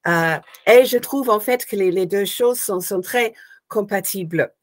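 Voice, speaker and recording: A woman's voice: medium pitch, a little slow. An older woman from Australia speaks as an interview guest, laying out her teaching plans step by step. She talks thoughtfully, often stopping to find the right word before going on. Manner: thoughtful, searching for words, explains step by step. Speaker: guest hypnosis instructor. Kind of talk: explanatory interview answers.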